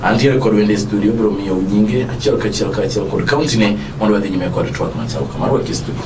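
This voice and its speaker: A man's voice: lowish voice, quick pace. A man with a Kenyan Luo accent presenting and conducting a political interview as a TV host. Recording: echoey room, distant mic, noisy.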